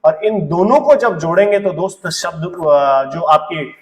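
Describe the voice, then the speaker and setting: A man with a high voice teaching an energetic exam-prep lesson. He keeps firing questions at his students and answering them himself, with playful banter. His voice sits a little back from the mic in a roomy, echoing space. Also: measured pace, distant mic. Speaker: Hindi grammar teacher.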